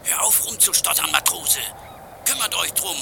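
An actor playing a scheming crook boss who speaks in a hushed, contemptuous way. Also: male voice, on the high side, expressive, moderate pace, vocal fry, over music. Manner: contemptuous, insulting. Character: scheming adult male crook boss, sneering and cold.

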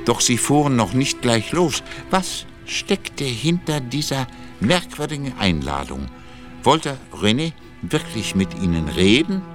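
A man narrating a German radio drama in a measured, dramatic storytelling manner. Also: mid-range voice, very animated. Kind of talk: scripted radio-play narration. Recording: narration over a music bed.

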